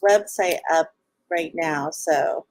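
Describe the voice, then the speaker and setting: Bubbly Valley Girl woman, lowish voice. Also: slow, a little mellow, dry recording. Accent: Californian Valley Girl. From Los Angeles, United States. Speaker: podcast guest, show co-founder and event organizer. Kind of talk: casual live interview chat.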